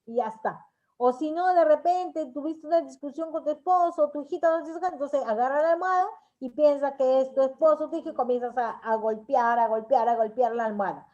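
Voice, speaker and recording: A woman's voice: sits high, brisk, dark tone. A woman leading a parenting workshop, lecturing in a conversational way and acting out examples in quoted voices. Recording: dull lo-fi recording.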